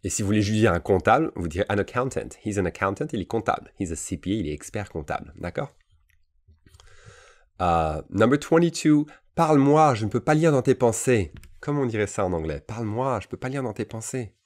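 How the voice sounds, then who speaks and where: Deep-voiced male teacher, bilingual lesson, casual and repetitive delivery, checks in often. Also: animated. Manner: explains in French, models English phrases slowly and repeats them; casual asides with frequent "d'accord?" checks. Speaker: English teacher.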